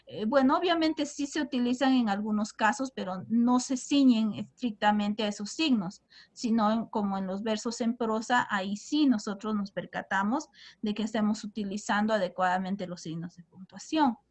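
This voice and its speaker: A woman's voice: mid-range voice, normal speed, a little mellow. A young woman teacher, explaining to her class and asking them questions often. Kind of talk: classroom lesson.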